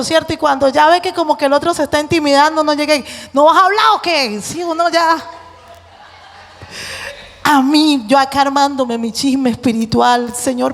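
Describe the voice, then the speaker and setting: A woman preacher giving a lively sermon, acting out voices and joking with the congregation. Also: high voice, creaky. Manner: animated, acts out voices, jokes with the congregation. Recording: long hall reverb.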